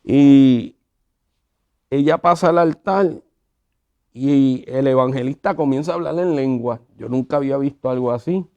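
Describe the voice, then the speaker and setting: A man telling his conversion story in a conversational, animated way, acting out the quotes. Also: medium pitch, a little slow, muffled recording. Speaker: guest sharing his testimony. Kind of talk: conversational testimony.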